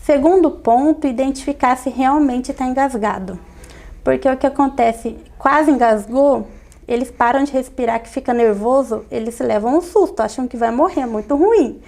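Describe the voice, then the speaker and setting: A woman pediatrician calmly explaining step by step in an interview, repeating key points. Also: high voice, moderate pace, vocal fry. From Brazil.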